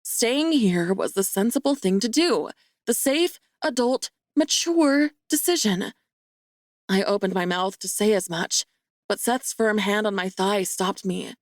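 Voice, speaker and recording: A woman giving first-person romance audiobook narration in a wry, lively, self-mocking way. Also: mid-range voice, a little slow, no room sound, studio quality.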